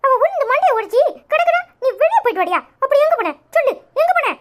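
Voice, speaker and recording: A woman's voice: very high-pitched, sing-song, fast, noisy background. A woman voicing an upset young daughter in a cartoon who scolds her father and keeps pressing him with accusing questions. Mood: scolding. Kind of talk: cartoon voice acting.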